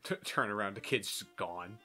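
A man's voice: lowish voice, normal speed, bright, forceful tone, soft background music. A man hosting a gameplay video with joking, sarcastic commentary, mock exasperation and exaggerated, overacted exclamations.

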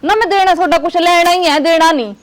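A woman playing a suspicious village woman who complains that she is owed money. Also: very high voice. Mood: complaining. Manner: quick-tongued, complaining, distrustful. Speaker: aggrieved village woman in a comedy sketch. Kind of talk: comic village drama.

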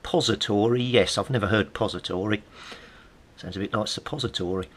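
A middle-aged Englishman with a low, slightly rough voice talks briskly. A vlogger and CB radio hobbyist, he leafs through old magazines, reading bits aloud and chatting casually with wry, amused asides.

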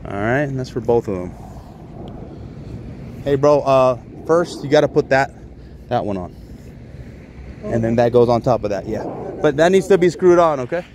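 Expressive and moderately paced with frequent pauses, a medium-pitched man presents an HVAC job as he walks a commercial rooftop. His explanations are casual and plain-spoken, and the outdoor handheld recording includes ambient noise.

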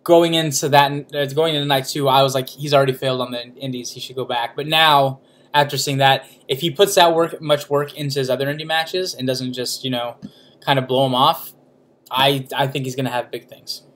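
A man's voice: medium pitch, little pitch movement, moderate pace, fairly bright tone. Rambling podcast man, casual chat. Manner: rambling, swears, restarts often. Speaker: podcast co-host.

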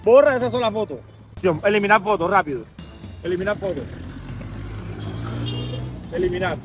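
A man's voice: high-pitched, animated, normal speed. A young man arguing insistently on a sunny street outdoors, scolding and repeating his demands. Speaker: vlogger husband. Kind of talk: staged street argument. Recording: loud music underneath.

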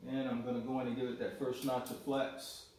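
A man casually talking through a landing in his home flight simulator cockpit, halting now and then with fillers, picked up by a camera behind him. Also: mid-range voice. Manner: relaxed, halting commentary with fillers. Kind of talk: casual narration while flying a simulator. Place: dim room at home, seated at a DIY cockpit. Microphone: far camera behind him. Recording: echoey room, distant mic, faint hum.

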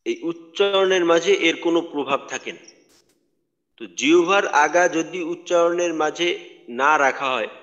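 A man's voice: fairly high pitch, normal speed, fairly bright tone. A man teaching Quran recitation in an online lecture, patient and explanatory, repeating his points for emphasis. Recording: dull lo-fi audio with long reverb.

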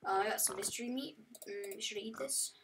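A woman giving casual, excitable and rambling commentary while she plays a video game. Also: mid-range voice, a little fast, very noisy. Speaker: gaming commentator. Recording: voice set back from the mic over loud game music.

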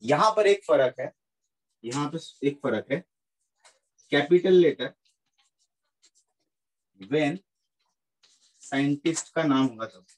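A man's voice: fairly high pitch, animated, takes it slowly, pauses often, poor audio. A man teaching a physics lesson in Hindi mixed with English, repeating points and checking that students follow. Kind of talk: classroom lecture mixing Hindi and English.

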